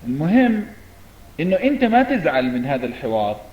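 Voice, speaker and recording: A man's voice: fairly high pitch, a little fast, reverberant, muffled recording. A man with a Levantine accent, rebutting his opponent in a religious debate. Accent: Levantine Arabic. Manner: animated, rebutting.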